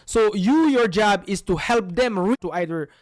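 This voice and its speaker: A Belgian man co-hosting a podcast delivers real estate coaching in an emphatic, punchy style packed with rhetorical questions. His voice sits high and moves at a moderate pace, captured in a dry, studio-quality recording.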